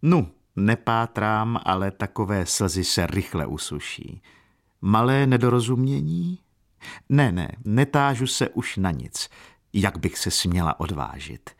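A man's voice: fairly low pitch, sing-song, gravelly, full character voice. A man voicing a kindly, shrewd old woman servant who talks in a coaxing, sly way.

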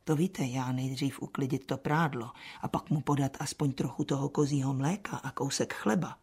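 An actress playing a put-upon old spinster housekeeper who grumbles dryly in a chatty radio play. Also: female voice, mid-range voice, creaky, husky. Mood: fussy. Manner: dry, chatty complaining with soft asides.

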